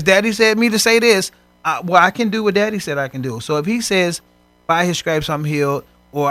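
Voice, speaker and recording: A man co-hosting a faith broadcast, preaching in animated conversation and acting out voices from scripture stories. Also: on the high side, dry recording.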